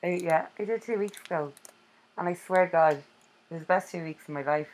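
Chatty young woman, low voice. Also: fast, a little mellow. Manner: chatty storyteller, laughs often. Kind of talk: casual chat.

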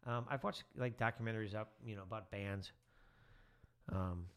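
A middle-aged teacher, speaking at normal speed in a voice on the low side, chats casually as a podcast guest. His manner is relaxed and rambling, packed with fillers.

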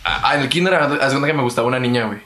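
A young Mexican man talks casually and loosely, full of slang. His tone is bright and forward at a middle pitch. The room around him sounds echoey. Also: racing. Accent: Mexican Spanish. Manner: slangy and relaxed, peppers talk with "güey". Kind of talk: casual chat.

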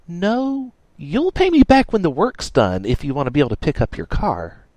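A man's voice: a little high, huge pitch swings, normal speed, darkish tone, no room sound, voice pushed up. A man doing a blunt tough teen mechanic girl, Dash. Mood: grudging. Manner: gruff and dismissive.

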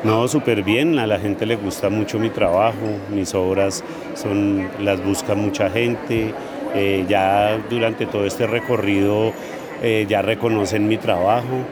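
A man's voice: fairly low pitch, fairly even intonation, unhurried. A man with a Colombian Spanish accent, a sculptor at a craft fair, answering interview questions hesitantly with many fillers. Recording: outdoor fair crowd behind.

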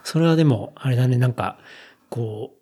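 A man's voice: medium pitch, normal speed, mellow, slightly rough. A man hosting a casual chat, listening attentively and nodding along with short replies. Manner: attentive listener, constant backchannel.

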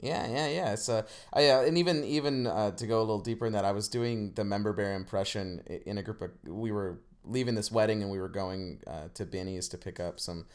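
A young man co-hosting a podcast, chatting casually in an animated, rambling way and laughing often. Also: fairly low pitch, fairly quick, few pauses. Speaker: podcast co-host. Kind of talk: casual chat.

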